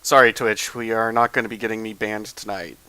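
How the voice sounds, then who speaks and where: A man's voice: fairly low pitch, little pitch movement, quick pace, pushed and bright, clean tone. A man running a tabletop game, chatting casually with his players after the session, easygoing and self-deprecating with many fillers. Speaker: game master. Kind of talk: casual post-game chat.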